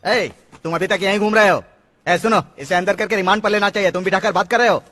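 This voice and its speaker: A man's voice: sits high, fast talker, sharp tone, in a large hall. A man dubbing a bossy, threatening officer in a Hindi film.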